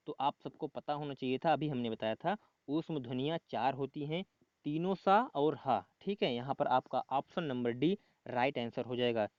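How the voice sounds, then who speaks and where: A man tutoring for a competitive exam, walking through quiz answers, often repeating the answer and saying "okay" between points, with the odd throat-clear. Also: on the high side, dry recording, muffled recording.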